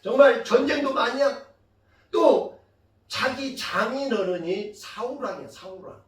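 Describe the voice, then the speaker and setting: A woman pastor delivers a sermon as a lively story, tossing questions out to the congregation and punching key points loudly. Her voice rings through a reverberant church sanctuary. She stands some distance from the microphone. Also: on the high side, unhurried. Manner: lively storytelling, quizzing the congregation, sudden loud emphasis. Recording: echoey church hall from far off.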